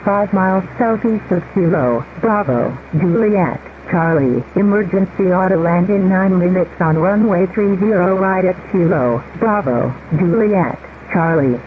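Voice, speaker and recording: A synthetic automated voice reads scripted emergency announcements over aircraft radio, one word at a time. The pitch is middling, and the signal is thin and narrow with faint static behind it. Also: a little slow, hardly any pauses.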